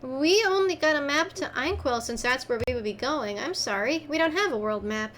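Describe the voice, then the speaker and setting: A woman's voice: high voice, lively intonation, moderate pace, fairly bright tone, slight background noise. A woman voicing a sweet, friendly female cookie creature in a tabletop game, polite and chatty.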